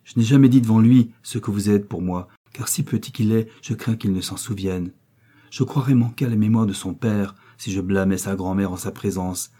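A man's voice: lowish voice, normal speed, husky. A man voicing a young mother who speaks firmly and with cold disdain. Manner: gentle turning stern. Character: young mother, gentle but firm.

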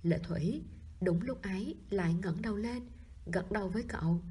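A woman narrating a novel in a soft reading voice that often drops to a whisper. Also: medium pitch, normal speed, husky. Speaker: audiobook narrator.

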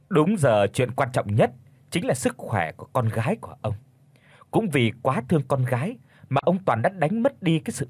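Husky male audiobook narrator. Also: mid-range voice, no room sound. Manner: expressive storytelling. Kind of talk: scripted story narration.

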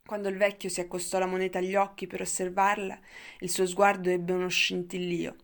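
A woman narrates an audiobook in a calm, measured manner. Her voice sits a little low and stays even. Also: creaky.

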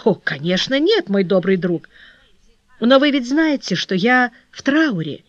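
A gentle young noblewoman in mourning, earnest and composed, her voice moving freely in pitch, as a woman reading aloud puts her on. The sound is dry and close, with a dull, lo-fi tone. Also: very animated, measured pace, dry recording.

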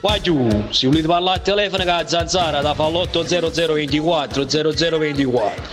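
A man's voice: on the high side, fast talker. A man giving a jokey promo announcement in street slang. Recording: music behind the voice.

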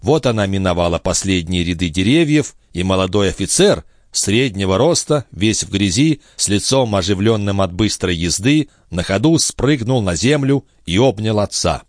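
Man reading a classic novel aloud, low voice with lots of melody, dry close mic. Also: animated, moderate pace, few pauses, no echo. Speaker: audiobook narrator. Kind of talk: scripted narration of a classic novel.

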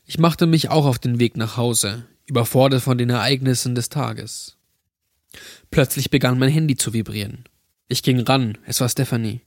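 A man calmly narrating a scripted horror story, recorded close to the mic. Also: mid-range voice, moderate pace, no echo.

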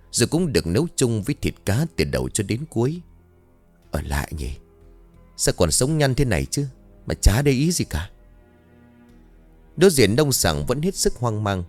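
Lively male ghost-story narrator, low voice. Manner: expressive, dramatic storytelling. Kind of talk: scripted horror story narration.

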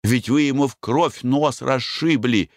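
A man's voice: medium pitch, measured pace, no echo, studio quality, close to an everyday voice. A man voicing a prim merchant's wife who scolds the others in a proper, reproachful way.

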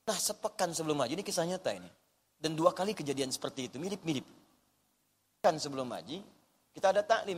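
A male preacher giving a sermon, lively, dropping to hushed storytelling and rising to loud urging. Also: a little high, slight background noise. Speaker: ustaz, preacher. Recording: long hall reverb.

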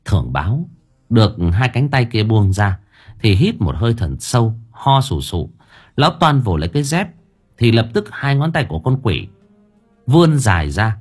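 A man narrating an audiobook story in a lively, animated way. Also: mid-range voice, moderate pace, breathy edge, soft background music.

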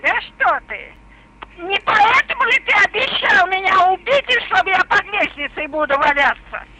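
A woman's voice: very high-pitched, expressive, moderate pace. An elderly woman arguing on the phone in a suspicious, combative, foul-mouthed manner. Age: older, elderly. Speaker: prank call victim. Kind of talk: argumentative phone talk. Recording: phone call with faint noise.

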